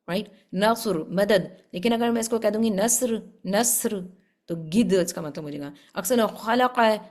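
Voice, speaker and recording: High-voiced woman teaching tajweed. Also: darkish tone. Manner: explains patiently, often checks with "right?". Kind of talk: religious lesson.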